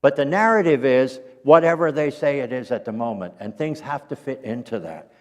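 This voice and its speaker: A man teaching a Sunday school class, reading quotations aloud in an earnest, unhurried way and stopping now and then to clear his throat or correct himself. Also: medium pitch, lively intonation, in a large hall, highs cut off. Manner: corrects himself mid-sentence. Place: church.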